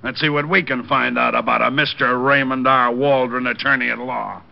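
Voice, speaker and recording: A businesslike American cop in a radio play, gruff and full of gravel. The old recording sounds muffled. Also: male voice, medium pitch, fairly even intonation, moderate pace. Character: gruff, businesslike male police detective. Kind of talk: 1940s-50s radio drama acting.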